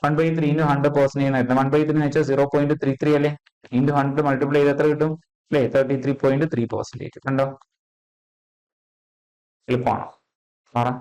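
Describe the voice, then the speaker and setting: A man teaching an exam-prep physics lesson, checking in constantly with quick questions and repeating key terms. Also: mid-range voice, little pitch movement, a little mellow, poor audio.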